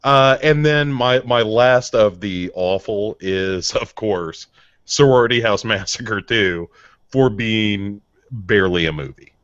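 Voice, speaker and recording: Male co-host, relaxed and profane, dry and slightly dull recording. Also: on the low side, slow, clean tone, dry recording. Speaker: podcast co-host. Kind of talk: casual chat.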